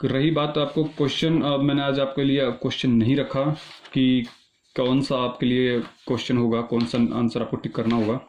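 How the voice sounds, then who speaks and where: A man's voice: medium pitch, little pitch movement, a little hiss or hum. A male teacher, explaining exam logic step by step in an online lesson. He often checks whether students are following. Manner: reads statements slowly, then explains quickly.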